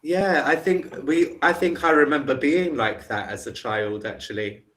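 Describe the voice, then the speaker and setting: On a relaxed video call from home in the UK, this Englishman with a London accent works as an online English tutor, asking plenty of friendly, encouraging questions. He sounds slightly high and a bit bright, speaking at a normal speed.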